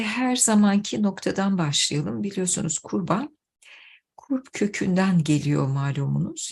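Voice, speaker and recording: Low, gravelly-voiced woman giving a religious talk. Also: darkish tone. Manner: measured, earnest address to followers. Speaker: religious teacher.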